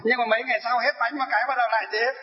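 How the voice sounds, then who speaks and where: A man's voice: very high voice, flat delivery, very fast. A man, a Buddhist monk preaching a sermon, who poses questions and answers them himself. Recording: echoey hall, dull sound.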